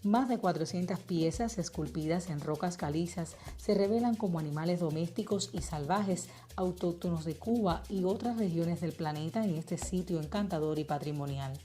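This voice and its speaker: A woman with a Cuban Spanish accent reading documentary narration in a smooth, descriptive way. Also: lowish voice, normal speed, few pauses, mellow, faint music behind.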